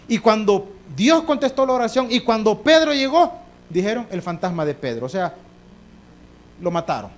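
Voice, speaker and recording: A man preaching a Bible study with a Salvadoran Spanish accent, emphatic, asking rhetorical questions and swinging his voice up and down. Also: very high-pitched. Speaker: pastor. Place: church.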